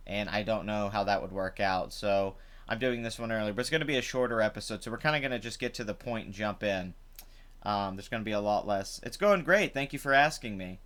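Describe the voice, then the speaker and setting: This man hosts a live stream from home, offering loose, chatty commentary packed with fillers. His mid-range voice is a bit bright but hoarse and hungover from drinking.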